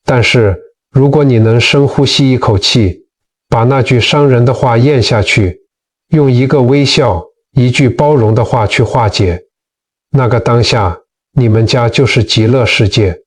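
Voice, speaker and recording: A man tells moral teaching stories in scripted narration, earnest and direct with his listeners. His voice sits at a middle pitch for a man. The microphone sounds a touch distant. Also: measured pace. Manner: earnest, addresses listeners as friends. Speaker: narrator of Buddhist teaching channel.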